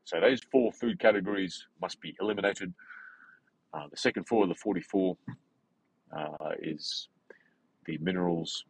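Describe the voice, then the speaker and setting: Forty-something guy hosting a podcast, husky voice, super dry close mic, rambles and restarts a lot. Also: low voice, normal speed, long pauses, dry recording, poor audio. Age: 40s. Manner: rambling, animated, many fillers and restarts. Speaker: podcast host. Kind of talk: casual unscripted monologue.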